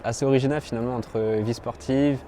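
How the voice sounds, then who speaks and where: Hesitant young man, mellow voice. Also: mid-range voice, steady tone, quick pace, a little hiss or hum. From France. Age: 20s. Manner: hesitant, many fillers and restarts. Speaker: amateur triathlete. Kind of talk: personal interview monologue.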